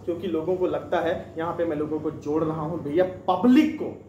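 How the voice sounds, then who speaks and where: A man's voice: fairly high pitch, steady tone, brisk, warm tone, muffled recording, a little hiss or hum. Sales trainer, man in his twenties, emphatic and questioning, recorded from across an echoey restaurant room. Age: 20s. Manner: emphatic, quizzes the audience with repeated questions. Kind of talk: motivational training talk. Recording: echoey room, mic at a distance.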